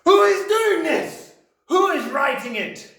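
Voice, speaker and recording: A huge, domineering headmistress from a storybook, played by a man, bellows with furious scorn. The voice is pushed high and swoops widely, heard a little way off in a roomy space. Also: animated, a little slow, fairly bright tone. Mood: alarmed, outraged. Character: huge, bullying, furious headmistress spitting insults.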